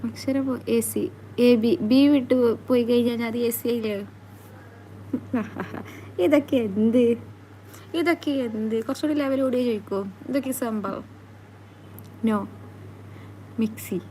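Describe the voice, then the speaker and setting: A woman's voice: on the high side, fairly even intonation, mellow, slight background noise. Playful woman chatting on a live stream. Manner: playful, teasing, quick back-and-forth. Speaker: vlogger reading live comments. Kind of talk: casual live-stream chat.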